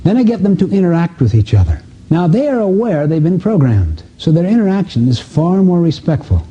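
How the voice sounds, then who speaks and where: This husky, warm-toned man speaks a little high and fairly quickly, his pitch swinging widely. As a motivational seminar teacher, he's emphatic and full of rhetorical questions, acting out dialogues in a live self-help talk before a seminar room audience. Muffled lo-fi sound makes the recording dull.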